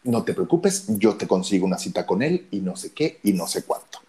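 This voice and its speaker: In a casual chat, a deep-voiced Mexican Spanish-accented radio announcer tells his story very animatedly, acting out the dialogue. He speaks a little fast with a mellow tone.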